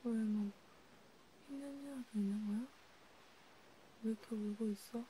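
A woman in a whispered role-play, comforting a friend softly and soothingly, slipping between a quiet voice and a whisper. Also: a little high, normal speed, slight background noise, poor audio. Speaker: ASMR creator.

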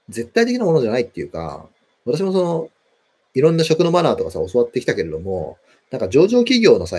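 A man's voice: medium pitch, mellow, slightly rough. A young man chatting casually to camera in a musing, conversational way, recorded in a small room on a mic at desk distance. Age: young adult. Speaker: video host answering viewer questions.

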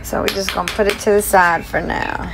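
A young woman, a cooking vlogger, chats casually to the camera while cooking in her home kitchen, her mid-range voice brisk but flat. Loud music plays behind her, and the phone, held or propped near the stove, captures poor audio full of kitchen noise.

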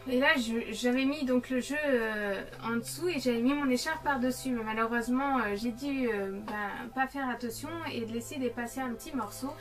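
A woman, chatting casually to camera and explaining things in a halting way. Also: a little high. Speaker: co-host of a video game collecting vlog. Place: small game-collection room indoors. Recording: distant camera mic, faint music.

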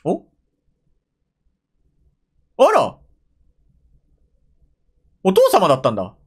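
A young man from Japan talks to himself in a seated reaction stream, muttering and letting out frequent exclamations. His pitch sits a little high and swings widely from low grumbles to sudden high yelps. He is close on a desk mic in a room at home. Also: wildly swooping pitch, very slow, slightly rough. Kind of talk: live reaction commentary.

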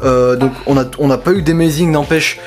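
A man's voice: fairly high pitch, brisk. Young french guy opening cards, chatty w viewers, gets super hyped, music playing behind. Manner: excitable, bursts into loud exclamations over cards; chatty, addresses viewers as buddies. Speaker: card-opening video host. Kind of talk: casual card-opening commentary.

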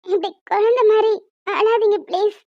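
A sly, playful young wife in a cartoon, teasing and coaxing in a cutesy tone, as a woman voices her. Her voice sits extremely high. The recording is dry and a little dull. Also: fairly even intonation, moderate pace, dry recording. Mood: coaxing, soothing. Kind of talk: cartoon voice dubbing.

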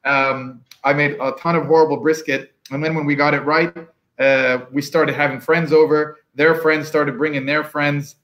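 A man's voice: on the high side, normal speed, poor audio. A man on a video call from a room with bookshelves, chatting casually as a guest pitmaster and acting out the people he quotes. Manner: relaxed storyteller, acts out quoted customers. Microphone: video call from home.

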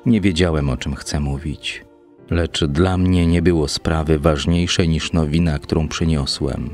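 Male audiobook narrator, extremely deep voice, steady measured literary reading, soft music underneath. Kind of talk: scripted first-person literary narration.

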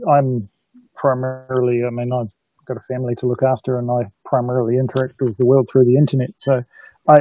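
Co-host on a video call; relaxed, easygoing; dull lo-fi audio, dry. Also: mid-range voice, no echo. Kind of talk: casual video-call chat.

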